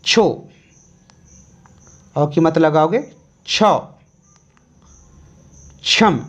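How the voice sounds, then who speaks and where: A teacher slowly dictating a Hindi syllable chart, calmly repeating each sound step by step for young pupils. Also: medium pitch.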